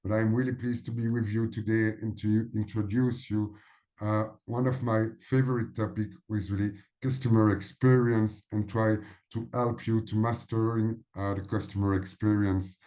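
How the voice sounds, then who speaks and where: A man in his thirties with a French accent, presenting a business webinar and pausing to search for words. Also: on the low side, little pitch movement, mellow, lo-fi sound. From Belgium.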